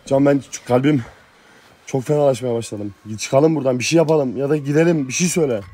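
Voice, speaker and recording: A man's voice: mid-range voice, quick pace, mellow, husky. A young man on a night ghost-hunting vlog, frightened and pleading, muttering prayers under his breath. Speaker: treasure-hunting vlogger. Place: abandoned village outdoors at night.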